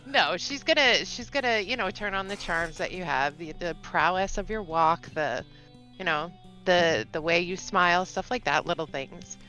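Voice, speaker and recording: A woman's voice: fairly low pitch, normal speed, pushed and bright, faint music behind, poor audio. A woman playing a tabletop game, chatting eagerly and rambling through her plans with lots of fillers. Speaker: player. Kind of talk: casual tabletop game chat.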